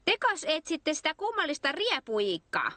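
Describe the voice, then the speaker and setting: A sly, chatty rat from the trash bins, put on by a woman, pitched well above her own voice. It talks in a teasing, knowing way, like a storybook character who knows something the others don't. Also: wildly swooping pitch, heavy background noise.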